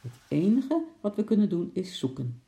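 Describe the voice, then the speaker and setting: A gruff old uncle grumbles and calls out, as a male reader plays him. His voice is gravelly and dark, pitched up above the narration, in a roomy space. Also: moderate pace. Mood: grumbling. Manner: grumbling, then excited. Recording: roomy echo.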